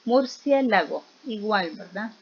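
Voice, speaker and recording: A woman teacher giving a recorded lesson, explaining slowly and patiently and stressing each example word. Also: mid-range voice, animated, husky. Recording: slightly dull lo-fi audio.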